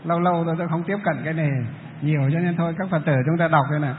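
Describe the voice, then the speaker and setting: A man's voice: fairly high pitch, level tone, rapid-fire, a little hiss or hum. A man, a Buddhist monk giving a chatty, explanatory dharma talk to a hall audience and quizzing them as he goes. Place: large lecture hall. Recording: thin phone-like sound, long hall echo.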